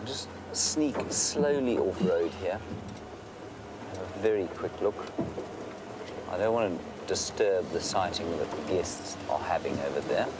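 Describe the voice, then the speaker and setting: A low-voiced man working as a safari guide gives unscripted live wildlife commentary from an open safari vehicle outdoors, answering viewer questions. At times he drops to a hushed near-whisper, and vehicle and bush ambience noise surround him.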